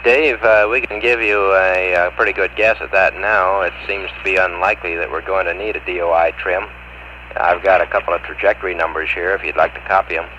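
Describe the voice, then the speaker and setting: A man's voice: low voice, fairly even intonation, brisk, pushed and bright. A man at mission control talking to a spacecraft over the radio in clipped, procedural phrases, heard through a muffled radio transmission. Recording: dull lo-fi radio link with faint hiss.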